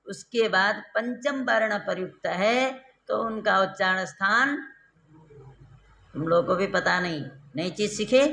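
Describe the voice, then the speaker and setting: A man teaching Sanskrit grammar in a classroom lecture, repeating terms and quizzing his students with rhetorical questions, slowing down and drawing out key syllables. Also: high-pitched, sharp tone, a little hiss or hum. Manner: slow, drawn-out stressed syllables when explaining.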